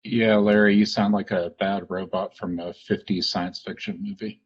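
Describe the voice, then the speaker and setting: A man's voice: lowish voice, flat delivery, normal speed, breathy edge. A man moderating a virtual panel, talking conversationally with plenty of fillers as he wraps up the session. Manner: conversational, filler-heavy wrap-up. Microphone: video call. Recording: muffled video call audio.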